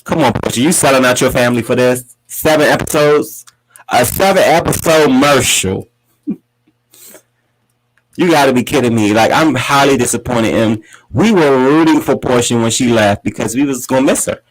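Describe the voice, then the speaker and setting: A man hosts a casual gossip podcast in a sassy, dramatic manner. His mid-pitched voice often leaps up into high, mocking tones as he runs through the gossip. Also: normal speed, low-quality recording. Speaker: podcast host.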